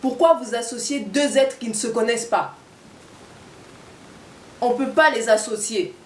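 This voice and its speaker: An activist delivers an impassioned political and spiritual monologue, firing off rhetorical questions and repeating points for emphasis. Her voice is a little high and unhurried, recorded from a distance with a roomy sound and a slight hiss or hum.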